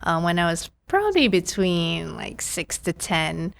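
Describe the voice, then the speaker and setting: A woman's voice: on the low side, sing-song, unhurried, gravelly. A woman in her thirties from Trinidad, a prosthodontist guest telling her story in a chatty podcast interview, often quoting her own past thoughts.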